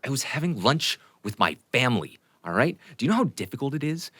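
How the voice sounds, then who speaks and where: A man's voice: sing-song, fast talker, a bit bright, no echo. A man voicing a grumpy, put-upon male halfling spellcaster who rants in exasperation. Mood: exasperated. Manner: ranting, exasperated, rising pitch.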